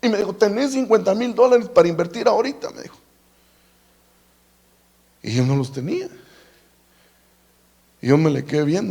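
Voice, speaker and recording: A man's voice: sits high, gravelly, warm tone. A man, telling a personal testimony in a sermon, often restarting and repeating words. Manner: storytelling with many repetitions and restarts. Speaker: preacher.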